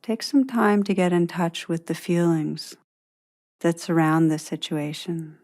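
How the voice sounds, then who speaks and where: Speaking gently and deliberately, a woman guides a meditation, leaving spacious pauses between phrases. Her voice is lowish and her intonation fairly even.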